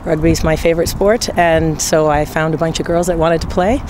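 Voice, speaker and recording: A woman's voice: deep voice, steady tone, a little fast, a little mellow, a little hiss or hum. A woman who founded a rugby team, answering questions in a chatty, playful way. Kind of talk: interview answers.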